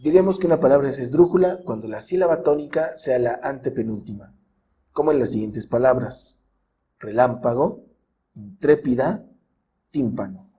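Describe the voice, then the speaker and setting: Measured man narrating a grammar lesson. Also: mid-range voice, mellow, husky. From Mexico. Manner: measured, stretches example words slowly. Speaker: teacher. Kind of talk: scripted educational narration.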